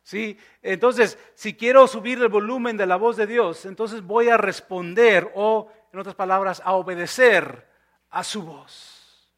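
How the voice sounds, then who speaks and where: A male pastor preaching a sermon, dropping to soft near-whispers and then rising to loud, emphatic lines. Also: sits high, a little slow. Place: church.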